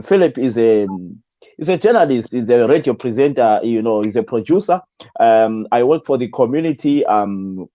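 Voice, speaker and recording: Zimbabwean man, dark hesitant voice. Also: mid-range voice, dull audio. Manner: hesitant, many fillers and restarts. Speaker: guest, radio presenter. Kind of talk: interview conversation.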